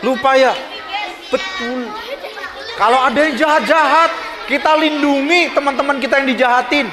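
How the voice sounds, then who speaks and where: Animated high-voiced man preaching to kids. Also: moderate pace. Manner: animated, asks children questions. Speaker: pastor. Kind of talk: children's sermon. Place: church hall. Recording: echoey hall with children's crowd.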